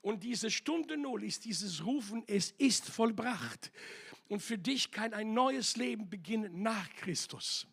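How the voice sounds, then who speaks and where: Guest pastor, man, high gravelly voice, slow emphatic preaching. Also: animated, fairly bright tone. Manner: passionate, emphatic preaching with repetitions. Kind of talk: sermon. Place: church hall.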